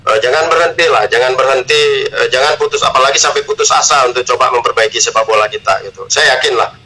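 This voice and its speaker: A man, a football coach, speaks as a radio guest in a bright, forward voice at a mid pitch. He answers slowly and carefully, stopping often to search for words. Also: rough recording. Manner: hesitant, measured, many filler sounds.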